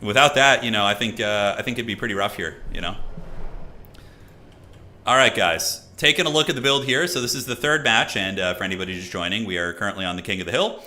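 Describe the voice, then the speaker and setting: This is a man in his thirties talking casually to his stream chat and then calling a strategy game match. His voice sits a little low but has a bright, forceful edge. He rambles, restarts his sentences and scatters fillers throughout. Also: a little fast. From United States. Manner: loose and chatty, many fillers and restarts, reads chat aloud. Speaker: streamer and caster.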